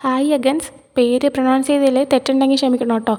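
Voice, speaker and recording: A young woman narrates a casual recap of a series episode for her channel, sliding English words into her chatty delivery. Her voice sits high and mellow, and she talks at a brisk clip. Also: level tone. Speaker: channel host.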